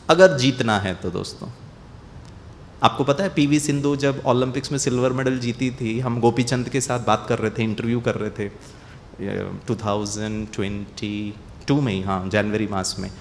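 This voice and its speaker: A man with an Indian accent giving a motivational talk to athletes, telling stories and acting out scoldings with lively shifts. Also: mid-range voice, slight background noise. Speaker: motivational speaker.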